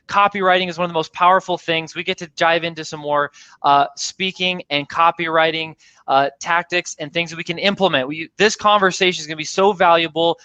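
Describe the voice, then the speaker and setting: A man's voice: on the high side, bright, forceful tone, dry recording. A man hosting a casual video interview, enthusiastic and rambling with lots of fillers. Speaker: interview host.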